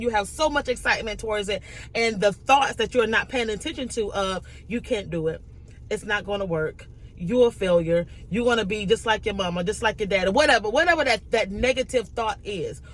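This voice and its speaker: A woman's voice: on the high side, rough recording. A woman giving a faith-based motivational talk, earnest and encouraging, repeating her key points for emphasis. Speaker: inspirational speaker.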